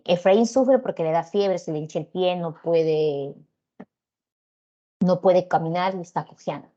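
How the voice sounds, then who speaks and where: A woman's voice: lowish voice, dark tone. A woman teacher with a Peruvian accent, retelling a story in class in a conversational way, often checking in with her listeners. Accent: Peruvian Spanish. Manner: conversational, frequent tag questions. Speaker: literature teacher. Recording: dull lo-fi class recording.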